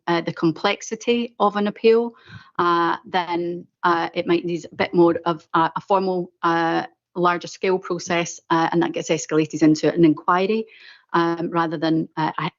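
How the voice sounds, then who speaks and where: A woman with a Glaswegian accent giving a semi-formal update at a meeting, pausing often mid-sentence in a hesitant way. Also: low-pitched, gravelly, lo-fi sound. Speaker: presenter of a planning update at a meeting.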